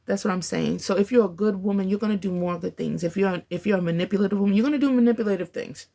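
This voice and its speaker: A woman in her forties with a gravelly, creaky voice that sits at a middle pitch. She chats casually on a faith-based podcast, encouraging listeners and breaking into laughter often. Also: fast, dark tone. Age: 40s. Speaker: podcast speaker.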